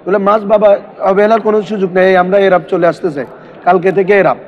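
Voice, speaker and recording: Male teacher, high-pitched, drills students with questions in a lesson; muffled low-fi recording. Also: fast. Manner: quizzing students with constant questions. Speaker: madrasa teacher. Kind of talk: classroom grammar lesson. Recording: dull lo-fi recording.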